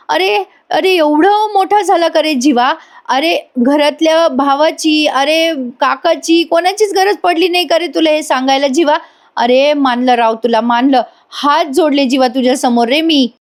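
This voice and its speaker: A woman's voice: high-pitched, voice pushed up, lightly acted. A woman reading the lines of an emotional old uncle praising and blessing his nephew.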